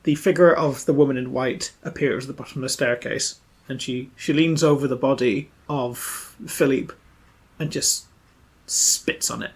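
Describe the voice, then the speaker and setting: A man's voice: medium pitch, fairly even intonation, normal speed. A man, narrating as game master of a tabletop role-playing game in a wry, descriptive way.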